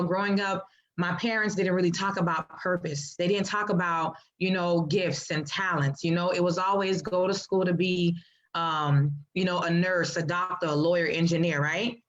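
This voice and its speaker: Chatty low-voiced woman host, lo-fi. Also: moderate pace. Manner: lively, informal, chatty. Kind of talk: live-stream interview hosting. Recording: dull lo-fi stream audio.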